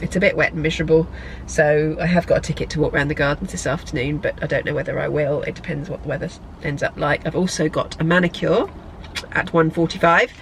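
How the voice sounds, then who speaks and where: A lifestyle vlogger chats casually to a camera on a tripod, first in a parked car and then in a hotel room. Congested from a cold, she rambles chattily and corrects herself as she goes. Her voice is low, gravelly, steady and fast, and the audio is poor with slight background noise.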